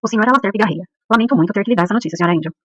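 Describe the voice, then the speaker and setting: A woman reading an audiobook voices a solemn male embassy official, speaking gravely and carefully as he delivers bad news. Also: high voice, very fast, a bit bright, dry recording, lo-fi sound.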